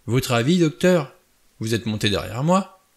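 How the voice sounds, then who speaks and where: A man voicing a hot-tempered, brutish middle-aged man who speaks in loud, blustering outbursts. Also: mid-range voice, sing-song, normal speed. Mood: agitated.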